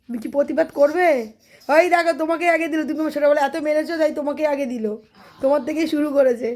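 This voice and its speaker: A woman's voice: high-pitched, steady tone, rapid-fire, a little mellow. A young woman, chatting to viewers at home in a casual vlog and scolding her child. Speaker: vlogger. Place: home, indoors.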